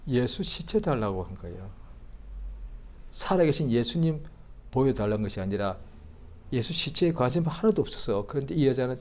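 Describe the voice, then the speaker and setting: A male pastor preaching a Sunday sermon, acting out the story in voices and swinging from quiet talk to loud outbursts. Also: mid-range voice, very animated, normal speed, pauses often.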